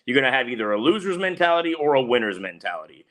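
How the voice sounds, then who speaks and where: A man's voice: medium pitch, sing-song, very fast, a bit bright. A man co-hosting a betting podcast in casual chat, blunt and fired up, ranting with swearing.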